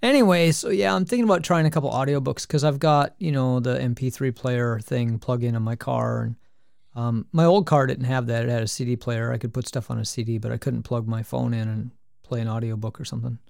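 Gravelly man rambling in casual chat. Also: mid-range voice, fairly even intonation, fairly quick, a little mellow, no echo, clean studio sound. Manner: rambling, with many restarts and hesitations. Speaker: podcast co-host.

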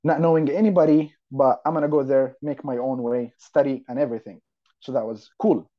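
Recorded in slightly dull lo-fi audio, this podcast guest, a Saudi university student of twenty-two, shares his story in a casual way. He has an Arabic accent and a steady, brisk, mid-range voice.

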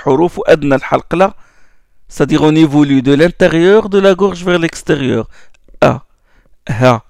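Slow gravelly guy teaching throat sounds, patient, says each sound over, dry close mic. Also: fairly high pitch, darkish tone, no room sound. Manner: slow, patient, repeats sounds for the listener to copy. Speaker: Quran recitation teacher. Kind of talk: spoken lesson on pronunciation.

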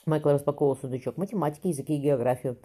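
A woman's voice: deep voice, racing, warm tone, slightly rough. A woman reading a historical novel aloud as a narrator, lifting her voice for the characters' lines, with occasional slips and restarts. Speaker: audiobook narrator.

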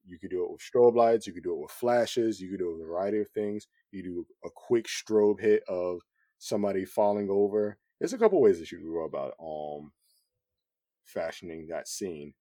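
Low, dark-voiced man chatting casually. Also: moderate pace, no room sound, clean studio sound. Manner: relaxed, rambling, many fillers. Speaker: cinematographer guest. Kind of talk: casual podcast conversation.

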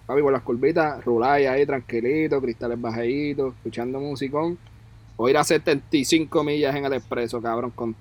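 A man's voice: mid-range voice, poor audio. A young man with a Puerto Rican accent, co-hosting a casual podcast chat, slangy and joking, stretching his words. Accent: Puerto Rican Spanish. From Puerto Rico. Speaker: podcast co-host. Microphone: remote call mic.

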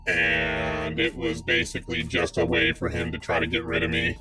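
A man playing a grim former gangster runner in a tabletop role-play, speaking in a clipped, deadpan way. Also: low voice, moderate pace, faint music behind. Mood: terse. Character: grim male ex-mobster rigger with robotic voice.

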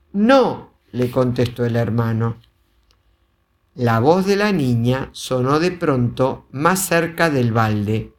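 Slow expressive storybook narrator. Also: mid-range voice. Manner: expressive, unhurried. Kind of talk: children's storybook reading.

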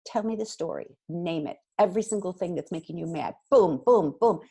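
A woman giving parenting advice in casual chat, animated and acting out what parents and kids might say. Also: on the low side, fairly quick, vocal fry, slightly rough. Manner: animated, acts out quoted dialogue. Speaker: parenting guest expert.

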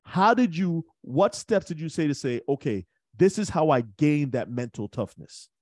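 A man hosting a podcast who asks his guest questions in an earnest, halting way, often restarting his sentences. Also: on the high side, animated, a little mellow, no room sound, clean studio sound. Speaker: podcast host. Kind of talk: casual interview chat.

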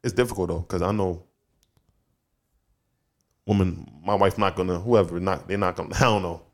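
A man in his twenties co-hosting a podcast, talking loosely and laughing often, rising high when he jokes. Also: steady tone, moderate pace. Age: 20s. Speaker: podcast co-host. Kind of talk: casual chat.

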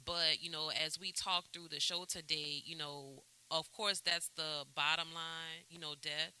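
Clear, bright-toned reflective man. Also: fairly high pitch, level tone, unhurried, poor audio. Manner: heartfelt, reflective, many "you know" fillers. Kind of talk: casual podcast chat.

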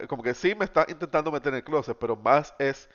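A man's voice: medium pitch, fast, fairly bright tone. A man, co-hosting a casual podcast chat, thoughtful and mixing in English words. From Puerto Rico. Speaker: podcast co-host. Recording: dull lo-fi recording.

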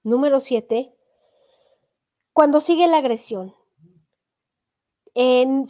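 A woman's voice: on the high side, warm tone. Earnest woman giving advice. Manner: earnest, addresses listeners directly with rhetorical questions. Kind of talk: motivational talk on forgiveness.

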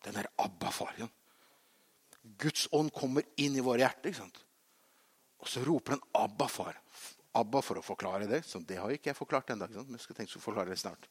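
A man preaching a sermon, swinging between loud emphatic peaks and quiet low asides, often adding rhetorical questions to the congregation. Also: husky. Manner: frequent rhetorical "ikke sant?". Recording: long reverb of a large hall.

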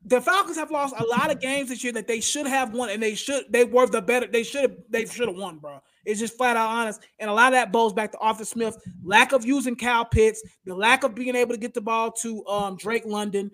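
A man's voice: extremely high pitch, brisk, hardly any pauses, fairly bright tone. A man hosting a casual sports talk show, blunt and opinionated, who often says "bro" and "y'all". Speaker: podcast host.

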